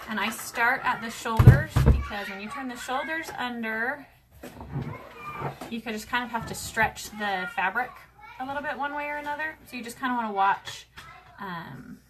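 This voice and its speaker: Upbeat woman host walking viewers through a craft, rapid and chatty; noisy home recording. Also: a little high. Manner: fast-talking, chatty, many fillers. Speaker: craft show host demonstrating sewing. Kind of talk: casual livestream sewing tutorial. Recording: clear background noise with clicks.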